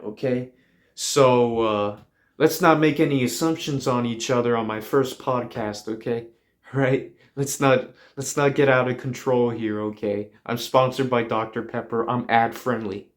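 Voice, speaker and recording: A man hosting a podcast, telling a rambling comedic monologue in a deadpan way with lots of fillers. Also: medium pitch. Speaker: podcast host.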